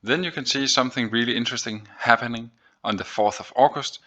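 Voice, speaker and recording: The host of an investing video series walks through the figures on screen methodically, step by step, in a finance video. He speaks fast with a mid-range, slightly bright voice, and the audio sounds dull.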